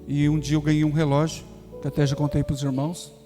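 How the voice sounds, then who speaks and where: A man stands in a church and preaches a testimony, telling the story and acting out what each person said. His voice sits a little high. It rings in a long hall reverb with music playing behind. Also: flat delivery, fast. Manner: folksy storytelling with acted dialogue. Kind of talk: sermon testimony. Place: church sanctuary.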